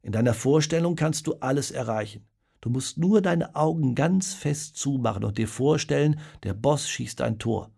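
A man voicing a quiet, remorseful middle-aged father who speaks softly and hesitantly. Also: medium pitch, normal speed, gravelly, breathy edge, pitched above the performer's own voice. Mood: gentle. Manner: soft, gentle, hesitant.

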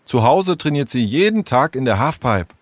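An eager, upbeat boy, voiced by a male storyteller in a storybook reading, in a voice pitched high above the narrator's own. The sound is dry and close. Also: big pitch swings, moderate pace, dry recording. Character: cheerful boy in a wheelchair.

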